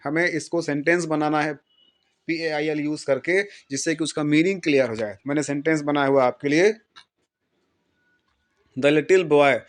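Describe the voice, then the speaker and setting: A man teaching English grammar for exams, slowly dictating example sentences, repeating them and quizzing his students. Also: on the high side. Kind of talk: exam-prep lesson explaining in Hindi.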